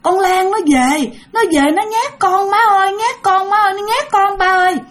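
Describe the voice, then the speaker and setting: A woman's voice: extremely high pitch, lively intonation, fast talker, voice pushed up. A woman voicing a terrified middle-aged sister-in-law who cries out in panic. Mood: panicked.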